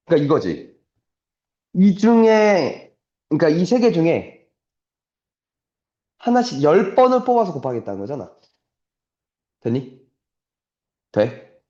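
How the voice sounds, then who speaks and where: Swearing casually and speaking bluntly, a young man tutors a class in math in a chatty, informal lecture, checking over and over whether everyone is keeping up. The audio is a roomy, dull lo-fi classroom recording. His slightly high voice rises and falls a lot, and its tone is mellow and dark.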